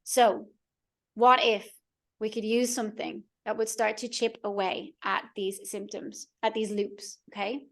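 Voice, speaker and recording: A woman's voice: mid-range voice, level tone, unhurried, creaky, a bit bright. A woman coach leading a live online workshop in a soothing, encouraging way, checking in often with her listeners. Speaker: mind-body coach.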